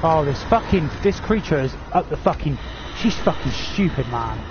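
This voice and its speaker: A man's voice: fairly high pitch, lively intonation, normal speed. A man streaming a horror game live, swearing and grumbling at the game to his viewers. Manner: frustrated, swearing, talking to viewers. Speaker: gaming streamer. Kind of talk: live gameplay commentary. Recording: dull lo-fi stream audio with game noise.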